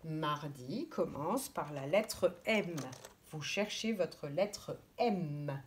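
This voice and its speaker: A woman preschool teacher teaching young children, speaking slowly and clearly as she sounds out letters and gives gentle instructions. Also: low-pitched, lively intonation, slight background noise.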